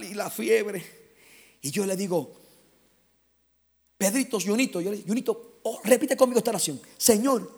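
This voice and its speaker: A middle-aged man preaching a fervent sermon, telling stories and moving between loud and hushed passages. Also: high-pitched, vocal fry. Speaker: pastor.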